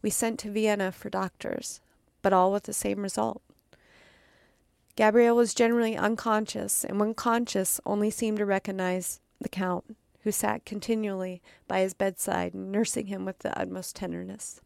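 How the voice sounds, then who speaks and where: A woman hosts a podcast and reads a dark story aloud with dramatic delivery, stumbling now and then. Her voice is smooth yet gravelly, recorded close and dry. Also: medium pitch, fairly even intonation, moderate pace, no echo. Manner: dramatic reading with occasional stumbles and asides. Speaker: podcast host. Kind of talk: storytelling reading.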